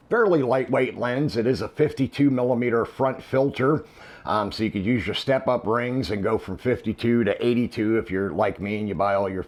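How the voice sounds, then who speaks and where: A man unboxing and reviewing a camera lens, explaining in a relaxed way with frequent ums and uhs. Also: mid-range voice.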